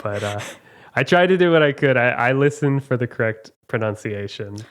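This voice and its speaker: A man hosts a relaxed trivia podcast and reads each question aloud. He talks in a chatty, halting way, with frequent fillers, and laughs easily at his own slips. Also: mid-range voice. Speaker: trivia quiz host. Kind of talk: casual podcast quiz.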